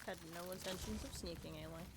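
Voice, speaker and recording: A woman's voice: fairly low pitch, fairly even intonation, quick pace, heavy background noise. A woman livestreaming a video game, chatting casually with playful, reactive remarks. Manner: playful, reactive, muttering to exclaiming. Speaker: live streamer playing a video game.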